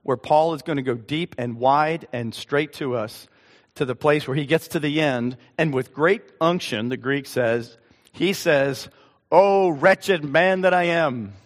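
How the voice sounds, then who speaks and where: At medium pitch and an unhurried pace, an older pastor preaches a conversational, earnest sermon and emphasizes the scripture he reads. The church sanctuary gives the recording a long reverb.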